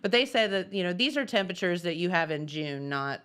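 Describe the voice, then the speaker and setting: A woman's voice: fairly low pitch, expressive, brisk, a bit bright, clear, resonant tone. Woman co-host on a morning tv show, casual chat, reads out local event stuff. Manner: chatty, reads community announcements. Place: TV studio.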